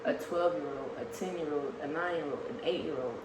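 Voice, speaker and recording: A woman's voice: low voice, fairly quick. A woman in her early twenties co-hosting a casual vlog, arguing her point earnestly with many stumbling restarts. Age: early 20s. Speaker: vlog co-host. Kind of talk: casual argument on camera. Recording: echoey room with faint hiss.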